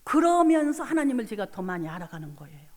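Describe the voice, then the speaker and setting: Middle-aged woman preacher, revival testimony, slightly high voice, reverberant sanctuary. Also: very animated, fast talker, darkish tone. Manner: retells conversations, rising to fervent prayer. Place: church sanctuary. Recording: long hall reverb.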